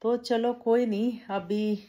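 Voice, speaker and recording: A woman's voice: flat delivery, takes it slowly, dark tone, dull audio. Chatty woman vlogger, casual daily talk. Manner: chatty, addresses viewers as bhai; lowers voice to avoid waking someone. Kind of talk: casual daily vlog chat.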